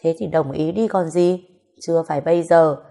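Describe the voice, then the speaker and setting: A woman's voice: sits low, steady tone, moderate pace, vocal fry, dark tone. Woman reading as a teasing, pestering young mother. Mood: coaxing. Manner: teasing, wheedling, cajoling.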